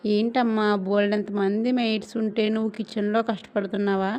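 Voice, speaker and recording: A woman's voice: medium pitch, flat delivery, fairly quick, darkish tone, natural voice. A woman reading a story aloud, voicing a playful, teasing young man in a storybook serial. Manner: joking, teasing.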